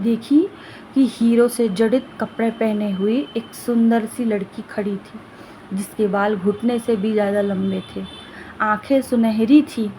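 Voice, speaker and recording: Woman storyteller, informal loose retelling, somewhat high pitch. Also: warm tone, a little hiss or hum, rough recording. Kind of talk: spoken story narration.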